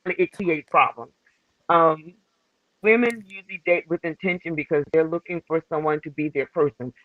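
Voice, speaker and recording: A woman calling in to a casual chat, speaking in halting, deliberate phrases through a crackling, faulty mic. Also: low-pitched, dry recording. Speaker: guest calling in. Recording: dull remote line with crackle.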